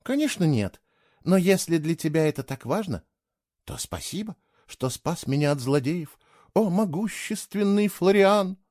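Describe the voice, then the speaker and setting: A man voicing a brisk, cool-headed young woman traveler who talks in a curt, mocking way. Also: high-pitched, sing-song, dark tone, dry recording, studio quality, voice pushed up. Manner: curt, mocking, matter-of-fact.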